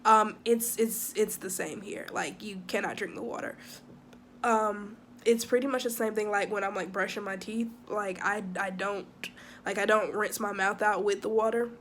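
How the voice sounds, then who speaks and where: A young woman chatting casually to camera in a vlog, talking quickly with lots of fillers and asides. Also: mid-range voice, steady tone, fairly bright tone, a little hiss or hum. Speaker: vlogger living abroad.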